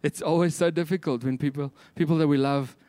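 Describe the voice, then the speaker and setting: Preaching a sermon in a notably high, mellow, clean voice, a man with an Afrikaans South African accent moves a little fast while keeping a steady tone. He drives his points home emphatically through repetition and rhetorical questions, recorded close and dry with no audible room.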